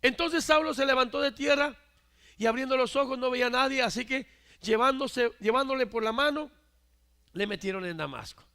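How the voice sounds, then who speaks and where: High, gravelly, emphatic male preacher. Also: moderate pace. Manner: emphatic, swings from loud to hushed, keeps asking "¿verdad?". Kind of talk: Spanish-language church sermon.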